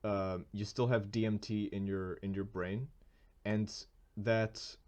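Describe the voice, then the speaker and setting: A man's voice: on the low side, steady tone, takes it slowly, a little mellow. A man co-hosting a podcast, telling a long story in casual chat, full of fillers, restarts and bursts of laughter. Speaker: podcast co-host.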